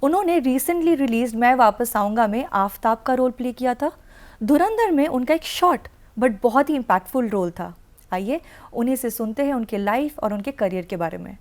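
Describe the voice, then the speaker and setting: A woman's voice: fairly high pitch, animated, moderate pace, darkish tone. A woman hosting a TV interview, a polished presenter who mixes Hindi and English. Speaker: interview host.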